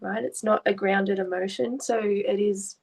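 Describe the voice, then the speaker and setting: A woman art therapist gently asking questions and explaining what a client's drawings mean. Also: mid-range voice, fairly even intonation, a little slow, creaky, slightly rough, rough recording. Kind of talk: therapy session conversation.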